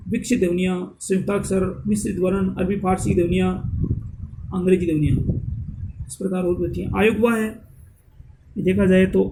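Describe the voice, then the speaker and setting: Heard through a low-quality recording with a slight hiss or hum, this man has a high but dark-toned voice. Teaching Hindi grammar in classroom fashion, he reads definitions aloud, goes through letters one at a time and occasionally self-corrects.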